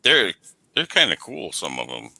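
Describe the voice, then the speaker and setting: A man's voice: deep voice, huge pitch swings, normal speed, gravelly, bright, forceful tone, no echo. A man with a lisp chatting casually on a talk show, rambling and often correcting himself. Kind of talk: casual chat.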